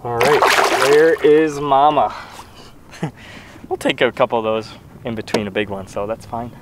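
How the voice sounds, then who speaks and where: A man in his twenties vlogging from a small boat on a lake, talking casually to an action camera strapped to his chest, excitable and quick to laugh. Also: mid-range voice, very noisy. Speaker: fishing vlogger. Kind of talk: casual on-the-water narration.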